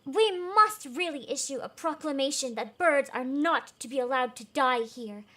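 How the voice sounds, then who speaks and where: A woman's voice: high voice, expressive, normal speed, pushed and bright. A woman voicing a vain, self-important male town mayor in a storybook, with pompous emphasis. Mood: haughty.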